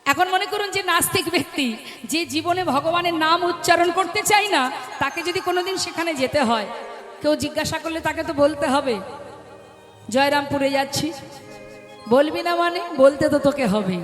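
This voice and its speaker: A woman's voice: very high-pitched, moderate pace, fairly bright tone. A woman giving a devotional kirtan sermon, asking the gathered listeners questions and calling them mother. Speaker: kirtan preacher. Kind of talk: devotional sermon to a live audience. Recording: echoey hall with music.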